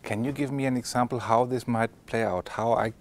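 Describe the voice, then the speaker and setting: A man working as an interviewer, posing questions in halting, searching, non-native English. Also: medium pitch, steady tone.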